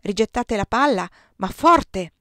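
A woman reading the part of a young, eager male count, loud and formal. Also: mid-range voice, a little fast, dry recording, clean studio sound, close to an everyday voice. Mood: calling out.

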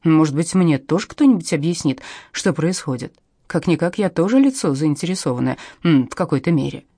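A woman's voice: deep voice, expressive, fairly quick, dark tone, slightly rough, no room sound, studio quality, exaggerated voice. Woman reading as a pompous old professor. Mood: bewildered. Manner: solemn, lecturing. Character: elderly male professor, pedantic lecturer.

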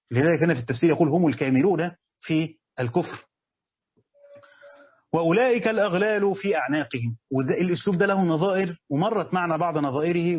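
A man's voice: on the high side, breathy edge, no echo, dull audio. A man with an Egyptian accent giving a religious commentary lesson, reading passages and then explaining them in everyday speech. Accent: Egyptian Arabic. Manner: reads text aloud then explains it in colloquial speech. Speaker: teacher giving a tafsir commentary.

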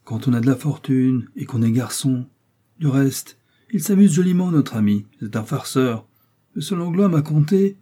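A man's voice: mid-range voice, lively intonation, moderate pace, warm tone, voice pushed up, lightly acted. A man reading aloud, voicing an anxious, devoted husband who is a country doctor, speaking in raised, urgent tones. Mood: chatty.

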